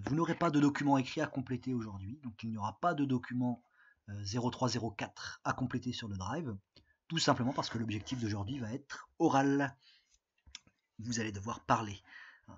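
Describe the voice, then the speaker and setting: A man's voice: mid-range voice, breathy edge. A man from France, an English teacher, recording a remote lesson and walking his students patiently through each step, with many fillers. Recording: dull lo-fi sound.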